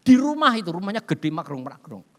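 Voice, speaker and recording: A man's voice: high-pitched, big pitch swings, brisk. A man preaching a sermon and telling funny stories, laughing often and dropping in English phrases. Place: church hall. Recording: reverberant hall sound.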